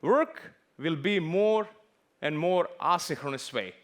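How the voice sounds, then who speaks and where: A middle-aged man from Serbia with a Serbian accent, giving a lively, joking conference talk in English as a second language. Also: a little high, takes it slowly. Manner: lively, joking, non-native English phrasing. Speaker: conference speaker.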